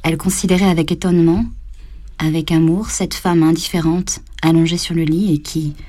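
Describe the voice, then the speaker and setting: Low, mellow woman reading a novel. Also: steady tone, moderate pace. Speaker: audiobook reader.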